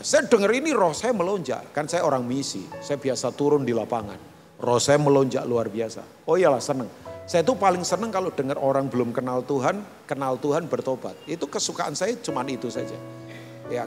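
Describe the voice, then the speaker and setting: Lively joking middle-aged pastor, echoey hall. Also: male voice, mid-range voice. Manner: animated, joking, chatty with the congregation. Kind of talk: live church sermon. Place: large church hall. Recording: echoey church hall with music. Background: keyboard and guitar music.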